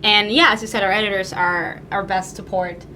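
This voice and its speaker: A young woman from Peru, a student editor-in-chief, answering interview questions in a friendly, soft-spoken way with some uhs. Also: medium pitch, fairly even intonation, moderate pace, slight background noise. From Lima, Peru. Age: young adult.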